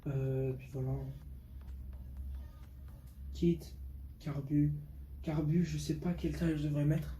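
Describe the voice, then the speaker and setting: The speaker, a Portuguese boy of 15, walks viewers through his motorbike in an unscripted vlog, talking slowly with frequent pauses. His voice is a little high but dark in tone, with a steady delivery full of slang and emphatic repetition. Soft music plays behind him, and background noise comes through on a clear recording.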